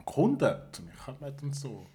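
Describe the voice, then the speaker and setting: A man's voice: medium pitch, wildly swooping pitch, normal speed, warm tone. A man with a French accent, talking in a casual chat as a guest, hesitant and restarting often. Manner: hesitant, many restarts and fillers.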